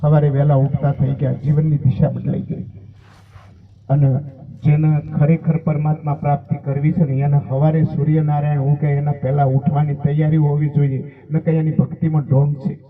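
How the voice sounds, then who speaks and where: A man preaches in an emphatic, storytelling way. His voice sits fairly high and sounds thin and tinny, like it is coming over a phone line. He also sounds a bit distant from the mic. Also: flat delivery, normal speed. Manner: emphatic preaching, exhorting listeners to pay attention. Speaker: saint giving a satsang. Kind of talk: sermon with storytelling.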